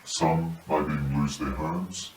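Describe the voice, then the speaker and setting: Man, disguised deep voice, extremely low pitch, serious testimony, halting phrasing, distant mic, faint background noise. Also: fairly even intonation, echoey room. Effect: disguised deep voice, electronically lowered. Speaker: paramedic whistleblower.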